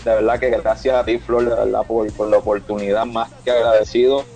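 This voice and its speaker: Halting man, radio guest. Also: fairly low pitch, little pitch movement, gravelly, a little mellow, faint music behind, rough recording. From Puerto Rico. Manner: halting, many restarts, grateful. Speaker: guest musician.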